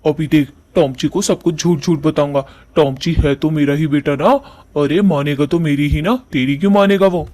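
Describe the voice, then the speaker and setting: A shameless old father-in-law from a cartoon story, voiced by a man wheedles and drawls. His voice sits a little high. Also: steady tone, mellow, natural voice. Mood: wheedling. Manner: wheedling, drawn-out.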